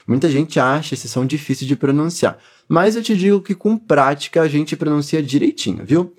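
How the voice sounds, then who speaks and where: A man with a Brazilian Portuguese accent leading a pronunciation lesson, encouraging learners and modelling words slowly for them to repeat. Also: fairly high pitch, animated, darkish tone. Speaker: language teacher.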